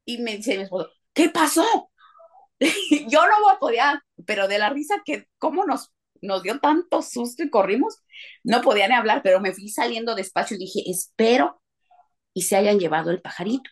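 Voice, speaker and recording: A woman telling a lively story to her church group, laughing and trailing off as she goes. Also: on the high side, moderate pace. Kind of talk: casual storytelling testimony.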